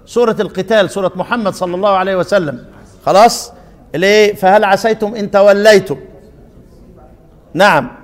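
A man with an Egyptian accent teaching Quran recitation to a class, chanting verse lines slowly and quizzing his pupils with fill-in questions. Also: high-pitched, long reverb tail. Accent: Egyptian Arabic.

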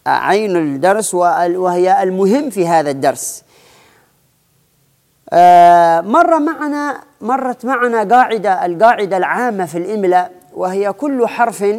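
A man's voice: sits high, a little mellow. A man giving a spelling lesson, explaining rules patiently, stretching out example words and restarting his phrases. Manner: slow, deliberate, drawn-out example words, frequent restarts. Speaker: Arabic spelling teacher.

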